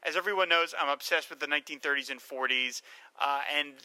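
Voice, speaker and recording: A man's voice: fairly high pitch, fast talker, bright, forceful tone, clear, resonant tone, no echo, low-quality recording. A man hosting a casual film podcast, speaking in an enthusiastic, emphatic way. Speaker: podcast host.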